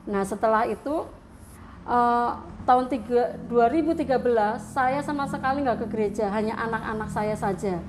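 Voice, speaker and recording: High-voiced middle-aged woman, heartfelt testimony. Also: moderate pace, slight background noise. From Central Java, Indonesia. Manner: emotional, heartfelt storytelling that rises into tearful prayer. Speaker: interview guest. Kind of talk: personal testimony in an interview.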